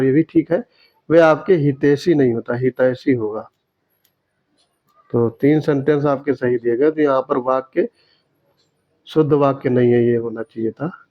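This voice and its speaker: A man teaching, walking through exam answers and correcting sentences, repeating words slowly to make each point. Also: mid-range voice, muffled recording.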